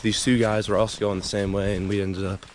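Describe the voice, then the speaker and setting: A man's voice: lowish voice, level tone, a little fast. A man talking casually to his camera while trudging through snow outdoors on a windy trail. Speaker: hiking vlogger filming himself. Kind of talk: casual outdoor vlog talk. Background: wind and outdoor noise.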